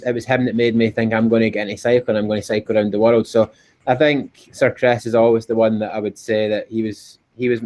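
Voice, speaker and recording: Over a dull, low-fidelity call, an endurance cyclist from Scotland talks informally and earnestly as an interview guest, frequently going back over what he's said. He has a lowish, darkish-toned voice.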